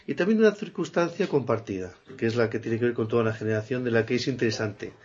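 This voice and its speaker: A man's voice: medium pitch, fast talker, a little mellow, breathy edge, lo-fi sound. A man interviewing a guest in casual Spanish conversation, chatty and full of affirming interjections.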